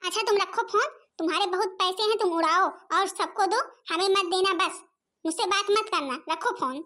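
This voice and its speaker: In a home-made cartoon, a woman plays a fiery village mother and daughter-in-law, quarreling in rapid-fire, combative bursts. Her voice is very high with a sharp tone.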